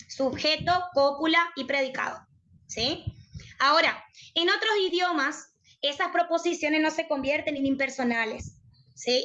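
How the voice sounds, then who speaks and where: A woman with an Argentine Spanish accent tutors university applicants in logic, pausing after nearly every phrase to check that they follow. Her voice sits high and sounds bright and sharp. The recording is a little dull and lo-fi. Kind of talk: university prep logic lesson.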